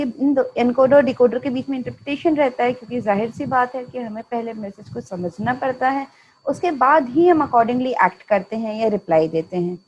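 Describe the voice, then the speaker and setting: A woman's voice: fairly high pitch, a little mellow, lo-fi sound. A woman with an Indian accent giving an explanatory lecture, mixing in English terms and often checking in with "right?".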